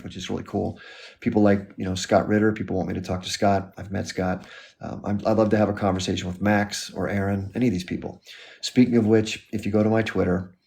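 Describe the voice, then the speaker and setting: Very low gravelly-voiced man. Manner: relaxed, rambling, friendly sign-off talk. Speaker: live stream host. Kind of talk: casual live stream chat.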